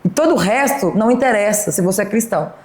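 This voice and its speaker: A woman's voice: mid-range voice, animated, quick pace, darkish tone, reverberant. A woman from Belo Horizonte, a podcast guest giving blunt opinions in casual chat. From Belo Horizonte, Brazil. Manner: outspoken, emphatic, keeps asking 'entendeu?'.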